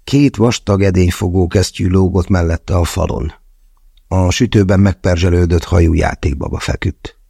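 A man's voice: low voice, steady tone, gravelly, mellow, slightly rough, no echo, studio quality. A man narrating a first-person novel as an audiobook, wry and conversational in his storytelling.

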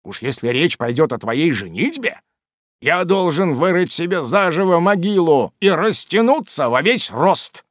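A man voicing old Mr Weller, an elderly father who scolds and laments over his son in a loud, slow, emphatic way. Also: on the high side, very animated, no echo, clean studio sound, voice pushed up. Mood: lamenting.

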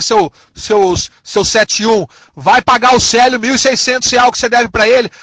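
Very high-pitched and a little bright, the voice belongs to a man from São Paulo, Brazil, recorded with no echo. In his São Paulo accent he rants angrily, insulting someone and threatening them over and over in a drawn-out, aggressive way.

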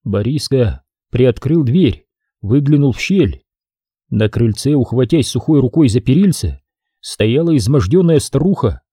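A man narrating a historical novel in a measured, dramatic reading. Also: medium pitch, expressive, warm tone, slightly rough, dry recording, studio quality. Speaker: audiobook narrator. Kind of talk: scripted narration.

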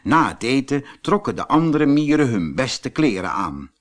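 A man narrates a children's fairy tale audiobook, telling the story expressively. His pitch is medium and his speed is normal.

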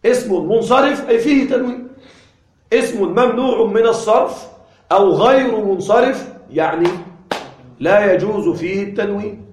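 A man teaching an Arabic grammar lesson, patiently repeating examples slowly and asking and answering his own questions. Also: sits high, reverberant.

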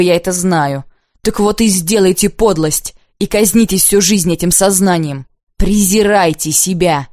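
A woman reading the lines of a proud, bitter unmarried woman in an audiobook, intense and accusing, often slow and heavy. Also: lowish voice, darkish tone, dry recording, studio quality, natural voice. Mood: scornful.

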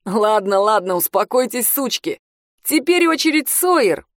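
A woman voicing a drunk, crude, boastful high-school heartthrob boy in a storybook reading, loud and drawn-out. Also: big pitch swings, no room sound, studio quality.

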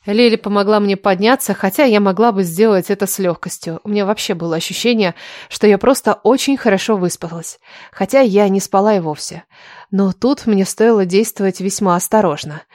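Woman, audiobook narration, even and reflective, dry close sound. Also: medium pitch, a little fast, no room sound. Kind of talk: first-person audiobook narration.

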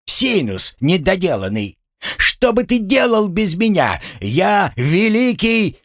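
A shrill little curse-master creature. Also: male voice, very animated, no room sound, studio quality, heavily acted. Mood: indignant. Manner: shrill, squealing, drawn-out yelling. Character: tiny hot-tempered male curse-master creature, squawking.

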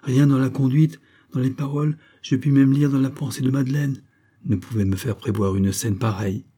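A man's voice: medium pitch, steady tone, moderate pace, warm tone, husky, pitched above the performer's own voice, close to an everyday voice. A man playing a cheerful lawyer who teases his friends in an audiobook reading. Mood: earnest. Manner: jovial, insistent. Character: cheerful middle-aged male lawyer, teasing friend.

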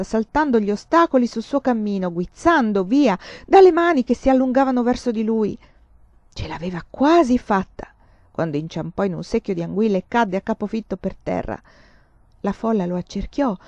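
A woman's voice: medium pitch, a little mellow, no echo, muffled recording. Woman reading a story with drama. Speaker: reader. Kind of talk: audiobook narration.

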